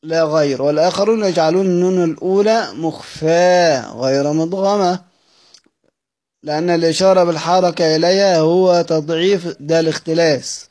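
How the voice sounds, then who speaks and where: Egyptian man teaching, fairly high voice. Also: a little fast, a little mellow. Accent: Egyptian Arabic. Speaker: teacher of Quran orthography. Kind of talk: recorded study-circle lesson.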